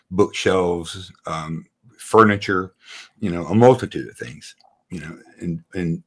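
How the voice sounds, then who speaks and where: Low-voiced man explaining in casual chat. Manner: loose, filler-heavy explaining with "you know" and "man". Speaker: acoustics company guest.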